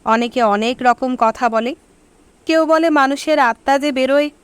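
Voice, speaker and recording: A woman's voice: high-pitched, moderate pace, clear, resonant tone, dry recording. A woman reading a short story aloud as an audiobook narrator, telling it expressively and lifting her voice for questions and quoted speech.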